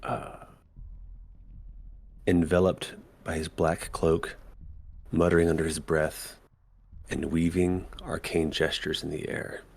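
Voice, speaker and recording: A man's voice: rumbling low, flat delivery, takes it slowly, creaky, long pauses. A man narrating as dungeon master in a tabletop game, talking in a hesitant way with many ums and frequent laughs.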